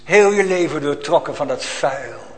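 A man preaching a sermon in a church, swinging from loud exclamations to hushed, almost whispered lines. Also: on the high side, expressive, moderate pace, big-room sound. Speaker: pastor.

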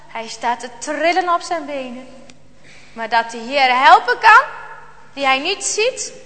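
High, bright-voiced woman telling a story. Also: big-room sound. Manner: dramatic, slow storytelling with hushed tension. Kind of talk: children's Bible story reading.

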